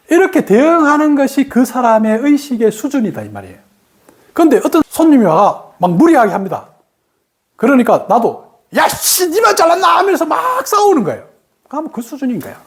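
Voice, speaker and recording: A woman with a Gyeongsang accent teaching a meditation class, animated and acting out the speech of others in changed voices. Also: fairly high pitch. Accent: Gyeongsang Korean. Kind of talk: spoken meditation lesson.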